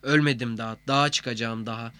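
Man doing a proud defiant grandfather in his old age, gruff, swearing, blunt, storybook, dry sound. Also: mid-range voice, fairly even intonation, a little fast, bright, forceful tone, dry recording, lightly acted.

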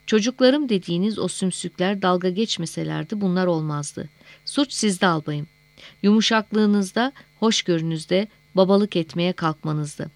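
A stern senior officer, as a woman narrator puts him on, reproaching his subordinates with cutting words. The voice is fairly low for a woman and delivered slowly and pointedly. It is dry and close to the mic. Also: darkish tone, no room sound, close to an everyday voice. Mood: scolding. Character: harsh scolding male senior officer.

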